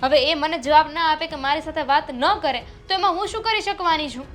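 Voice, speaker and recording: An actress playing a young wife who defends herself to her mother-in-law and grows anxious, with soft music behind. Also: high-pitched, a little fast, lightly acted. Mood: defensive. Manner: defensive, protests then worries aloud. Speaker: actor in a family drama. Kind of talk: short-film drama acting. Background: soft background music.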